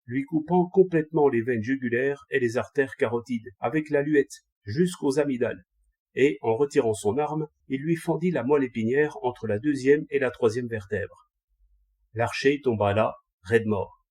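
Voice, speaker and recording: Husky dark-voiced male narrator. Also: mid-range voice, normal speed. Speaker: audiobook narrator. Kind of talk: scripted narration of a classic text.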